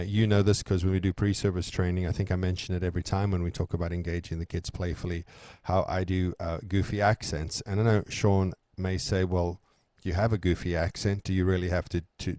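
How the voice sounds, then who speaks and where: A man from South Africa co-hosts a relaxed discussion in a very low, warm voice. He talks things through thoughtfully, often restarting phrases. The sound is dry and close. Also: no echo. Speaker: podcast co-host. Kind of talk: conversational discussion.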